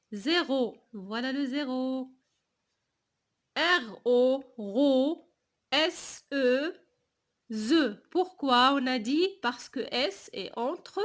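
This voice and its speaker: A woman from Morocco teaches a reading lesson to small children. Her voice sits high and she goes very slowly, saying each syllable and word twice. Her delivery is patient and deliberate. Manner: slow, deliberate, repeating each sound and word. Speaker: primary school teacher.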